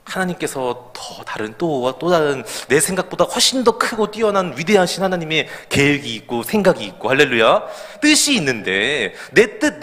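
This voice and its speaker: A man preaching a sermon at a midweek prayer service, animated, calling out hallelujah and laughing at his own stories. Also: on the high side, in a large hall. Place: church sanctuary.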